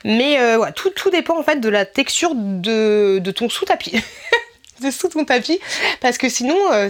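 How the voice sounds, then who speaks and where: Woman vlogger, casual product review, chatty and informal, frequent laughs, talks straight to the viewer. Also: fairly high pitch. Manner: chatty, informal, laughs often, many fillers and repeats; addresses the viewer as tu.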